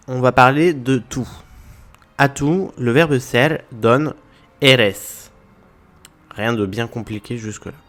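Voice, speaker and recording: A man explaining a language point to viewers in a methodical lesson, walking through examples one by one. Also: medium pitch. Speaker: language teacher.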